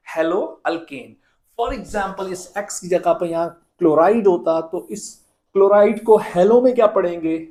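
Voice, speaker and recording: A man's voice: high voice, a little mellow. A man teaching a chemistry lesson, asking the class questions and answering them himself, and repeating the key rules. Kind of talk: classroom lecture.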